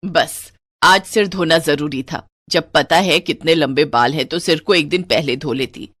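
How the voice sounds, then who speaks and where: A woman's voice: low-pitched, a little slow, a bit bright, no room sound. Strict, traditional mother-in-law who lectures and scolds, as a woman puts her on for a cartoon story. She sounds commanding and firm. The recording is dry and close. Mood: stern.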